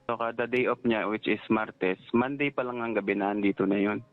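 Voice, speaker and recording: A man's voice: on the low side, soft background music. Male caller on a tinny phone line. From Philippines. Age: 30s. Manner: rambling, halting retelling with many fillers. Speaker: caller, security guard. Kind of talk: phone-in advice call.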